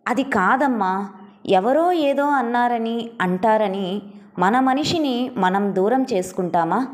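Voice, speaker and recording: A woman's voice: fairly high pitch, slow. A woman reading the lines of an earnest young married man who argues firmly with his mother in a storybook. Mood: insistent. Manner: firm, pleading with his mother.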